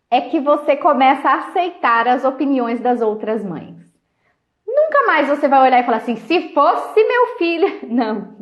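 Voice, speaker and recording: A woman talking casually on a live stream, chatty, laughing often and trailing off softly at the ends of phrases. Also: high voice. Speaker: host. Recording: dull lo-fi live-stream audio.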